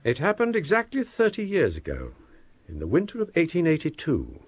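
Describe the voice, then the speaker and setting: An actor with an English accent playing a courteous, scholarly older provost in a period radio drama, formal and donnish. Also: male voice, a little high, huge pitch swings, fairly quick, slight background noise. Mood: storytelling. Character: courteous, scholarly older Cambridge provost and ghost-story teller.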